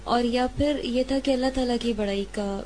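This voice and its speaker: A woman's voice: fairly high pitch, a little mellow. A woman student answering her teacher in class, earnestly recalling earlier lessons.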